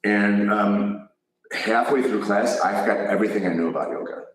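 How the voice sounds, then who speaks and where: A low-voiced man with a Chicago accent tells a meandering story about teaching yoga. He talks casually and keeps restarting his sentences. He sounds a little far from the mic in a very echoey room. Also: steady tone, normal speed. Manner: rambling, self-correcting anecdote with laughs.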